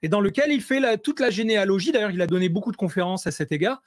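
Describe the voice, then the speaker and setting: Joining an interview by video call, a high-voiced man offers conversational analysis in a dry, close recording with no room sound. He races along, tripping over fillers, restarts and repeated words, then grows animated and more intense as he drives each point home.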